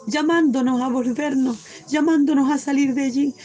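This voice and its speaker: A woman's voice: high-pitched, fairly even intonation, normal speed, warm tone, faint music behind. A woman teaching a Bible study sermon, reading scripture aloud and explaining it fervently, often asking "cierto?" and breaking into praise.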